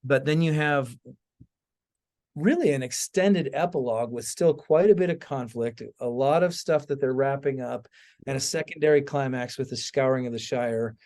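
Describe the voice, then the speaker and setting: A podcast host and author chats casually, his mid-range voice moving at a moderate pace with a slightly mellow quality. He tells stories punctuated by emphatic asides and keeps checking in with his listener.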